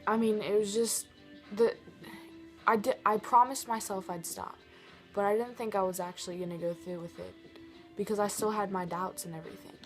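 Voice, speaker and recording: A teenage girl telling a personal story in a confessional vlog, earnest and halting, with many restarts. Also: mid-range voice, steady tone, faint music behind. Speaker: vlogger.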